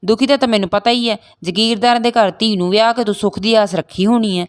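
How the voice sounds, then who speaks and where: A woman's voice: on the high side, fast talker, voice pushed up, natural voice. A woman reading the part of a blunt, protective elderly village father, in a raised voice.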